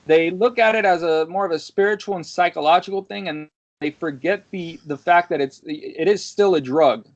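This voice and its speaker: A man's voice: fairly high pitch, normal speed, no room sound. A man in his twenties talking casually on a podcast, rambling and checking in with "right?" and dropping the odd swear word. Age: 20s. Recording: dull, dry lo-fi audio.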